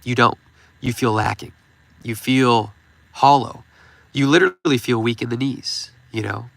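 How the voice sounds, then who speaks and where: With a mid-range, creaky, fairly bright voice, a man in his thirties speaks steadily and a little slowly, his nose stuffed up. He's a channel host rambling through casual advice on a stream, filling gaps with "you know," and there's no room sound.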